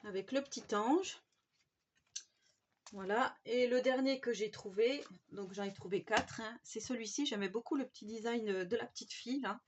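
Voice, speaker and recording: A woman's voice: fairly high pitch, normal speed, slight background noise. A woman casually showing off craft supplies she bought, chatty and gushing, with many fillers. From France. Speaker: craft vlogger. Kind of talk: casual haul show-and-tell. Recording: slightly dull home recording.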